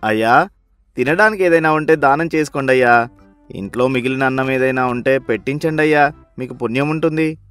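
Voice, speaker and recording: A man's voice: mid-range voice, brisk, a bit bright, smooth, faint music behind, natural voice. A man voicing a poor, hungry beggar who pleads humbly for food in a storybook tale. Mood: pleading. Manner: pleading, repeatedly begging for alms. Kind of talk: storybook voice acting.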